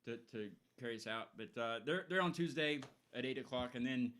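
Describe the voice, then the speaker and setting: A man hosting a casual live show, chatting quickly with restarts and repeated words. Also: mid-range voice, fairly bright tone, a little hiss or hum. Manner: fast, chatty, stumbling restarts. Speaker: podcast host. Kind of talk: casual chat.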